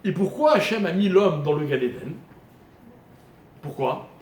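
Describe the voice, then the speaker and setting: A man's voice: fairly high pitch, expressive, unhurried. Man teaching a Torah class in an echoey room. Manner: questioning listeners, explaining Hebrew grammar step by step. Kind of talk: live Torah lesson to a small audience. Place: room with a small live audience. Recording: echoey room recording with faint noise.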